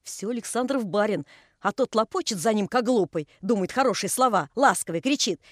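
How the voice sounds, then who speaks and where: A woman's voice: medium pitch, lively intonation, brisk, dry recording, clean studio sound, close to an everyday voice. A woman voicing a pious old male carpenter who scolds and tells long folksy stories. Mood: reminiscing. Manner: folksy, chiding.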